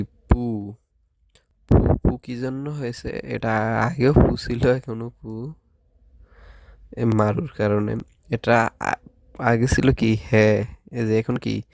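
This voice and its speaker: A man teaching a language class, slowly drilling syllables one at a time and asking the students questions. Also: mid-range voice, gravelly, darkish tone, dry recording, clean studio sound. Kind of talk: Japanese lesson with drilled syllables.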